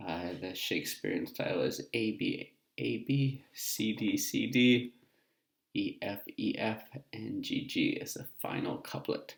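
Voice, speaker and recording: Casual teacher, low gravelly voice. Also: male voice, lively intonation, a little slow, echoey room. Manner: casual, explanatory, many "uh" fillers. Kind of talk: recorded class lesson.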